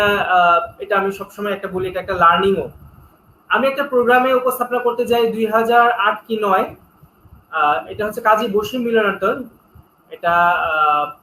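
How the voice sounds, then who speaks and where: A man's voice: high-pitched, bright, forceful tone, roomy sound, a little hiss or hum, low-quality recording. A man guest speaker on public speaking, earnest and instructive, telling stories in an interview. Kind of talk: interview talk, storytelling.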